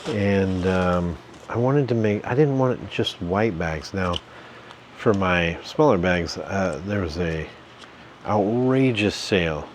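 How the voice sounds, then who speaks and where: A man's voice: low-pitched, takes it slowly, a little hiss or hum. A man, hosting a casual home vlog, rambling in a folksy, jokey way with lots of fillers. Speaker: channel host, reseller. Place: home basement.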